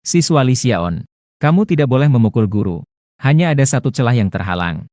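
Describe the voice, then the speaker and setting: A flustered male teacher tells a student off, voiced by a male narrator. The tone is urgent but stays at an everyday pitch, recorded dry and close for a comic recap. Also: sing-song, a little fast, darkish tone, dry recording, natural voice. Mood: panicked. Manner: urgent, scolding.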